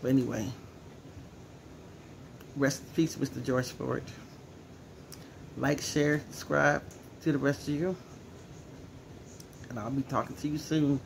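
A man's voice: medium pitch, fairly even intonation, a little slow, gravelly, long pauses, slight background noise. A teary-eyed man speaking earnestly at home in a casual personal vlog, repeating himself as he talks. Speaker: vlogger.

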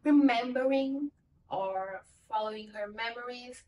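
A young woman with a mellow, somewhat high voice talks unhurriedly about a book at home, rambling and correcting herself, surrounded by bookshelves. Her first language is Portuguese, and she is from a Portuguese-speaking country. The camera sits a little away, so she is far from the mic, and the poor audio carries a little hiss or hum.

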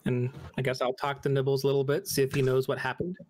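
A man's voice: medium pitch, little pitch movement, fast talker, darkish tone. A young man chatting casually as a player in a tabletop role-playing game. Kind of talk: casual in-character role-play chat.

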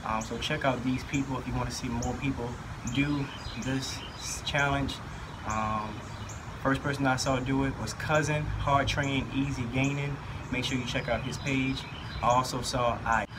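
A man in his thirties chatting casually to camera as a fitness vlogger. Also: medium pitch. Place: outdoors on a residential driveway. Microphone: camera a few meters away. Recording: noisy outdoor camera audio, background hum.

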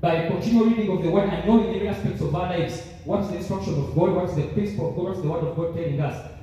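A man's voice: high-pitched, quick pace, warm tone. A young man preaching a sermon from a church pulpit with a handheld mic, fervent and repetitive, with frequent fillers. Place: large church sanctuary, standing at a pulpit. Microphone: handheld mic, filmed by a far camera. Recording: echoey church hall, voice from far off.

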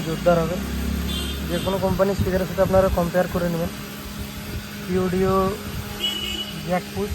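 Speaking fast and high, this West Bengal repair shop owner hosts a casual product showcase vlog, using repetitive, emphatic sales talk peppered with check-ins to viewers. The phone-camera audio is noisy with an engine-like hum and hiss.

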